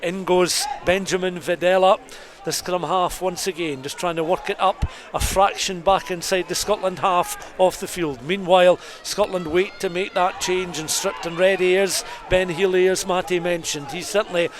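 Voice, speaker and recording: Over the noise of the stadium crowd, a high-voiced man keeps a steady tone and a normal pace, barely pausing as he delivers radio play-by-play of a rugby match. He paints the scene in rich, descriptive detail from the ground.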